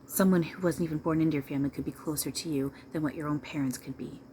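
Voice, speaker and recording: A woman with a low voice speaks as a seance medium in trance, delivering channeled advice. She is emphatic and insistent, often repeating herself as she counsels her listeners. There is some noise behind her. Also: steady tone, fast talker, warm tone. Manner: emphatic, repetitive, preachy counsel addressed to listeners.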